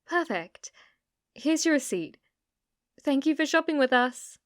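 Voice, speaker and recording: In an intimate ASMR roleplay, a young British woman plays a shop cashier who is an obsessive, delusional stalker, halting and flustered before dropping into menacing whispers. Her voice sits high and animated, with a polite, probing mood.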